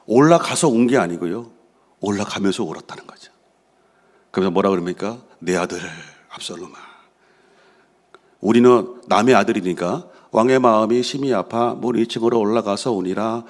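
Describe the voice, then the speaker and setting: Middle-aged male senior pastor, slightly low voice, sermon delivery with call-and-response questions to the congregation. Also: brisk. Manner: engages the congregation with frequent questions and affirming "yes"; reads scripture aloud, then expounds with personal stories.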